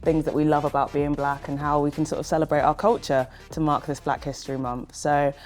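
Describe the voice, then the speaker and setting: Very low-voiced woman hosting a chat. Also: a little fast, soft background music. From Nigeria. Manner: relaxed, laughs often. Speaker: discussion host and rugby player. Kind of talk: casual group chat.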